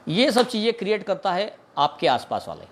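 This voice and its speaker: A man's voice: sits high, wildly swooping pitch, moderate pace. A man from India, a snake catcher, earnestly explaining in an informal talk, repeating himself and mixing in English words. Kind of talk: informal talk answering a viewer's question.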